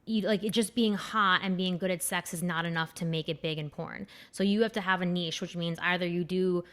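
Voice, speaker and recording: A woman's voice: on the low side, fairly even intonation, a little fast, fairly bright tone. A young woman hosting a podcast, chatting in a candid, crude and rambling way with lots of fillers. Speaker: podcast host. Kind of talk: casual chat.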